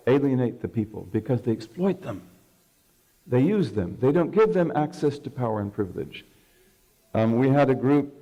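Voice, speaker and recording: Guy giving a religious lecture, warm relaxed voice, keeps saying okay to the room. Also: medium pitch. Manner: conversational, checks in with the audience using "okay". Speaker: Islamic scholar lecturing.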